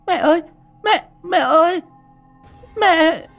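A man's voice: extremely high pitch, takes it slowly, vocal fry, fairly bright tone, no echo, faint music behind, voice pushed up, heavily acted. A man voicing a terrified little girl woken by a nightmare, wailing and stammering through sobs. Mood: panicked wailing.

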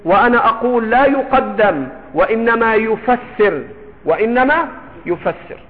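A man with an Egyptian accent, a sheikh explaining a classical creed text, posing questions and answering them slowly and emphatically. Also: extremely high pitch, expressive. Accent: Egyptian Arabic. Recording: echoey hall over a tinny phone-like line.

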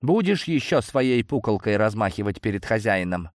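A man's voice: on the low side, sing-song, moderate pace, no echo, clean studio sound. A man doing a bossy young superheroine. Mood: scolding. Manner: brusque, bossy. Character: fierce young female superheroine, blunt.

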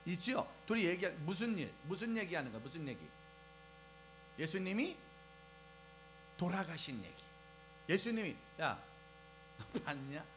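A man preaching a lively sermon to young people, asking the crowd questions and acting out scenes as he goes. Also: high voice, moderate pace, pauses often, poor audio. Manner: animated, asks the crowd questions and acts out scenes. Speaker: preacher at a youth service. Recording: faint music and mains hum behind.

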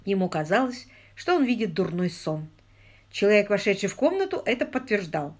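A woman's voice: mid-range voice, big pitch swings, a little fast. A woman narrating a comic story in a dry, ironic way. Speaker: audiobook narrator. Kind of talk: scripted narration.

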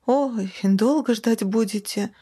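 A woman's voice: fairly high pitch, unhurried, darkish tone, pitched above the performer's own voice. A woman voicing a worried, talkative young female friend calling on the phone. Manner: fretful, talkative.

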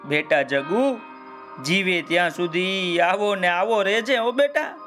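A man's voice: high voice, expressive, measured pace, a bit bright, faint music behind. A man voicing a loving, tender old grandmother who speaks affectionately in a children's story.

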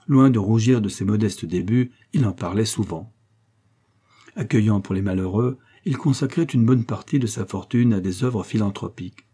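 A man reading a classic novel aloud as narrator, in measured, even storytelling. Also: lowish voice, husky. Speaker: audiobook reader. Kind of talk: scripted narration.

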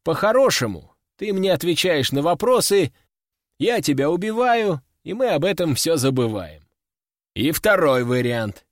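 A man's voice: on the high side, big pitch swings, unhurried, dry recording, clean studio sound, pitched above the performer's own voice. Man as a sardonic demonologist hero. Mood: mocking. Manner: laconic, mocking. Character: calm sardonic young male demonologist hero.

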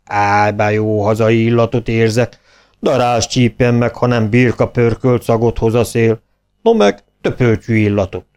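A man doing Dörmögő, a folksy bear gentleman. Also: mid-range voice, clean tone, natural voice. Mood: delighted. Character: homesick bear gentleman, cheerful, food-loving.

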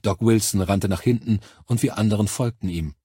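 Casting: male audiobook narrator, steady and even, dark, husky timbre. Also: on the low side, a little fast, dry recording, clean studio sound.

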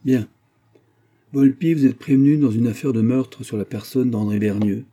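A man's voice: medium pitch, normal speed, dark tone, close to an everyday voice. A man reading the part of an officious gendarmerie sergeant who speaks in clipped, slightly condescending phrases.

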